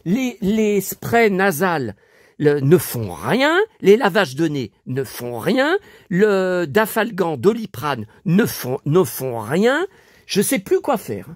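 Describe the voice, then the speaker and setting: With a high, sing-song voice and a slow delivery, a man in his fifties who vlogs about collecting talks idly to his audience, often faltering and beginning again. He's stuffy from a cold that won't quit and has a dry mouth, captured in a dry, clean studio recording.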